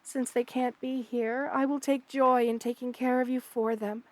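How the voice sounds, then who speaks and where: A woman lightly acts the role of a kind, protective spider queen in an ASMR roleplay, sounding touched and loving as she speaks intimately and soothingly, formal in wording and hesitant in her pauses. Her voice is a little high and level, in a dry recording.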